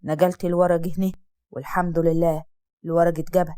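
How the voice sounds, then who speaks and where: A woman voicing a stern, threatening Egyptian father with an Egyptian accent, who drops low and slows down on his warnings. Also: little pitch movement, dark tone, clear, resonant tone, no echo, lightly acted. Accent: Egyptian Arabic. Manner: threatening, slow and heavy on warnings.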